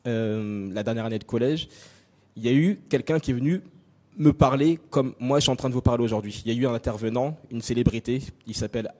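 A man's voice: medium pitch, quick pace, darkish tone. A young adult man from France giving a personal talk to an audience, direct and chatty with many fillers. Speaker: invited speaker. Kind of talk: conference talk on stage.

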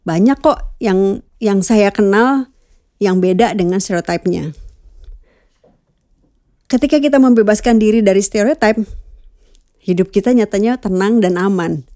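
A woman's voice: medium pitch, a little slow, pauses often, warm tone, no echo, clean studio sound. A middle-aged woman chatting casually about the cats she keeps, musing aloud and dropping in English words. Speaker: cat owner vlogger. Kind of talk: casual chat.

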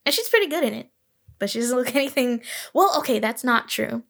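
A woman co-hosting a casual podcast, with a voice that sits a bit high. She rambles through her opinions, stops to correct herself, and admits she is going purely on vibes. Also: lively intonation, a little fast, creaky, fairly bright tone. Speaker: podcast co-host. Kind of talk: casual chat.

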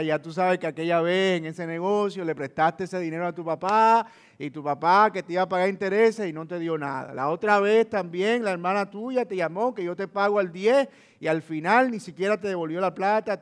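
A man's voice: high voice, moderate pace, fairly bright tone, smooth. A man voicing a worried wife who lectures her husband reproachfully about their savings.

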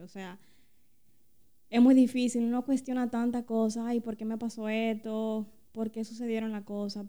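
A woman's voice: mid-range voice, darkish tone, clean tone. A woman talking earnestly and animatedly about faith as a podcast co-host, often calling her listeners "señores". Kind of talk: casual faith talk.

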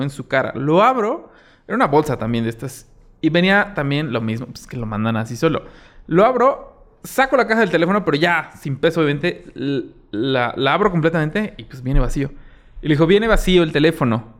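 A young man with a Mexican accent hosting a podcast, telling a story in a casual way and acting out what people said. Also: a little high. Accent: Mexican Spanish. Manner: animated, acts out quoted exchanges, many fillers. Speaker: podcast host.

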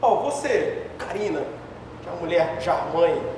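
High-voiced pastor shouting in an echoey hall. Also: male voice, moderate pace, vocal fry, noisy background. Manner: animated, mocking, swings between shouting and soft asides. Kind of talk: sermon. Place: church hall. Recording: echoey hall, far from mic.

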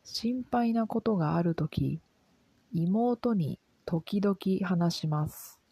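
A soft-spoken woman reading a simple lesson for language learners in a calm, gentle, careful way. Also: lowish voice, slow, slightly rough, no echo, low-quality recording. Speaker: Japanese language teacher.

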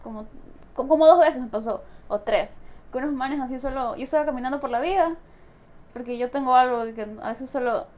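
A young woman chatting casually, quick and exclamatory. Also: high voice, darkish tone. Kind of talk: casual chat.

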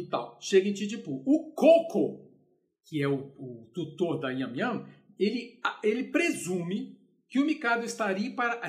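A man from Brazil giving an informal music lesson, retelling the story in a lively way and acting out the quotes. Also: high voice. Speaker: music lecturer.

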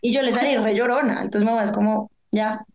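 A woman in a casual podcast conversation. Her voice sits slightly high, and she speaks in open, emotional bursts, telling personal stories with plenty of restarts. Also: fast talker, dull audio. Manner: emotional, candid, animated storytelling. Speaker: podcast co-host. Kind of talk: casual chat.

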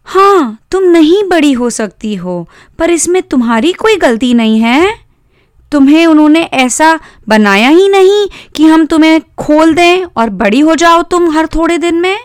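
A woman voicing a young girl who tenderly protects her rag doll, in a high cooing voice. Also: expressive, a little slow, dry recording, clean studio sound. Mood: tender coaxing.

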